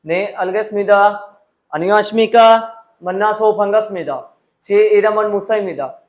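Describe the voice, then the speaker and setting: This early-twenties student from Pakistan speaks Korean as a learner, with a Pakistani accent, reciting formal answers to practise for a work-visa interview. His voice sits high and moves at a normal speed.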